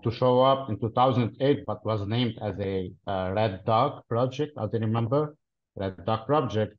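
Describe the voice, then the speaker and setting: A Lebanese cloud solutions architect in his thirties, with a lowish voice, is an interview guest on a video call. He answers deliberately and explanatorily, pausing often, from a plain-walled indoor room, picked up by a webcam mic with dull, lo-fi audio.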